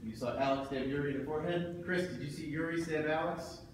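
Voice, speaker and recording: A man refereeing a sparring match with booming, commanding announcer-like calls. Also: quick pace. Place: large indoor gym with rubber floor. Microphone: distant camera microphone. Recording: distant camera in echoey hall, background noise.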